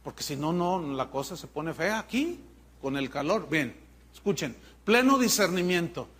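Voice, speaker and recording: A man preaching a sermon as pastor, in an animated, mocking way. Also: on the high side, normal speed, breathy edge.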